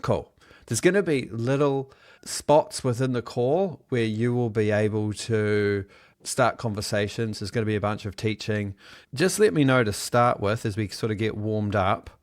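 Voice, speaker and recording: This online business trainer from New Zealand runs a live Zoom workshop over a video call, cheerfully encouraging participants while reading and responding to their chat messages. He speaks at a moderate pace in a fairly low voice.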